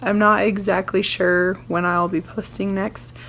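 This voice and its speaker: A young woman with a sick, croaky frog voice from a sore throat, chatting casually and ramblingly to viewers as a video host. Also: medium pitch, little pitch movement, measured pace, fairly bright tone, a little hiss or hum. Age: young adult.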